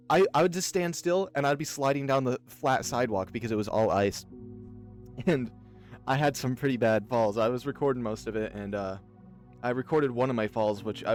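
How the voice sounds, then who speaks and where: This is a let's play host from Oregon, USA, chatting his way through a visual novel with meandering stories and plenty of fillers. His voice sits at a medium pitch with a darkish tone.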